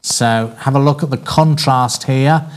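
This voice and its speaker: A man teaches a class on presenting, his voice in an ordinary middle pitch. He talks clearly and deliberately. He slows right down whenever he spells out a word. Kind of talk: lecture on presentation skills.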